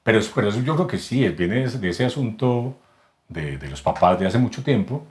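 Low-voiced paisa man explaining at length. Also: expressive, normal speed. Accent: Colombian paisa (Medellín). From Medellín, Colombia. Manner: explanatory, many restarts and repeated words. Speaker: guest voice actor and announcer. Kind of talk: casual podcast interview.

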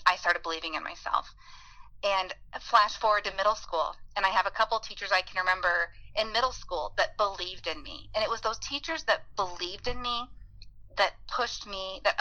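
In a bright, forceful, mid-range voice, a beginning teacher in her forties recounts heartfelt personal stories during an interview. She earnestly imitates the voices she recalls. The audio is poor.

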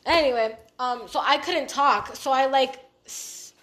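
A woman's voice: high-pitched, measured pace, a bit bright, slight background noise. A young woman co-hosting a casual podcast, rambling through a story with many fillers and mild swearing. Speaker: podcast co-host.

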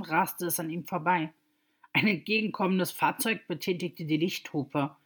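Woman calmly narrating a story. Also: lowish voice. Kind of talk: read-aloud story narration.

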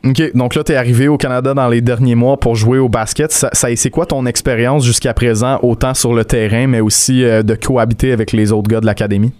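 A man's voice: mid-range voice, fairly even intonation, brisk, few pauses, darkish tone, dry recording. A man with a Québécois French accent hosting an interview, friendly and a bit hesitant with frequent fillers. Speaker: show host.

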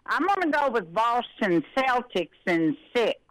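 A woman's voice: fairly high pitch, sing-song, a little slow, no room sound, poor audio. An older woman calling in by phone, a little out of breath, talking in a folksy, rambling way. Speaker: caller.

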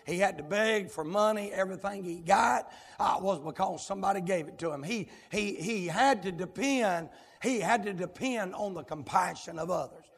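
A Southern US pastor preaching a sermon in a folksy, fiery way, from quiet storytelling to shouting. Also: male voice, sits high, moderate pace, creaky, slightly rough. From South Carolina, US. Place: large church sanctuary. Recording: long church hall reverb.

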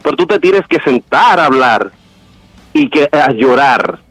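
A man with a Dominican accent calling in to a radio talk show over the phone, animated and mimicking others for laughs. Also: a little high, unhurried, no echo, soft background music, poor audio. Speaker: caller. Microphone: phone call.

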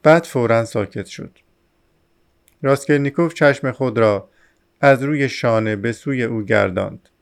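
A man reading a novel aloud as an audiobook narrator, steady and measured. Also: medium pitch, gravelly.

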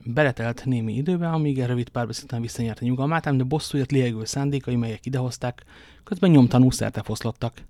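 A man narrating a classic adventure novel in a measured, dramatic way. His voice sits at a middle pitch. The recording is close and dry. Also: mellow, dry recording. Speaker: audiobook narrator.

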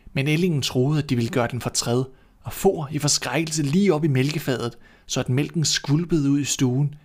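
A man narrates a fairy tale in a calm, measured way. His reading is expressive without being showy. His voice sits at a middle pitch. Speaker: storyteller. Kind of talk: scripted storybook narration.

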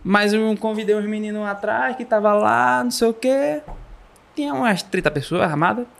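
A man from Pernambuco with a Pernambuco accent, telling a comic story in the first person with playful, animated delivery. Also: high-pitched, normal speed, gravelly. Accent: Pernambuco Brazilian Portuguese. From Pernambuco, Brazil. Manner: playful, animated, jokey delivery with acted sound effects. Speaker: storyteller guest.

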